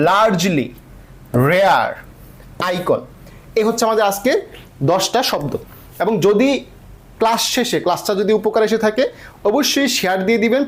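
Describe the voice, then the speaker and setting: A man teaching English vocabulary in an online class, explaining patiently and often checking that students follow. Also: high-pitched.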